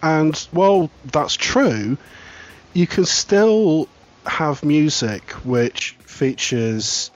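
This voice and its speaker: A man's voice: fairly high pitch, animated, drawn-out words, lo-fi sound. A man who is a regular panelist on a podcast, giving strong opinions in a casual, argumentative way.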